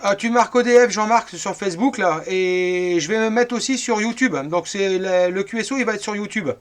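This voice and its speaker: A man in his fifties from northern France chats casually and at length during a radio contact, often repeating himself as the operator. His voice is high and brisk, with slight background noise.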